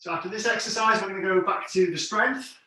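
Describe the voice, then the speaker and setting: Male exercise instructor, higher-pitched, encouraging and clear with cues and counts, heard from a distance in a heavily echoing room. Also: quick pace, pushed and bright. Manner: encouraging, plain step-by-step cueing. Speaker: fitness class instructor. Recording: very echoey room, distant mic.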